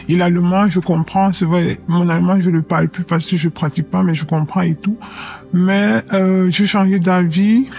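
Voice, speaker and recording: A young woman from Cameroon, giving a measured, reflective personal testimony with hesitant pauses. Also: on the low side, darkish tone. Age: young adult. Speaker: anonymous witness.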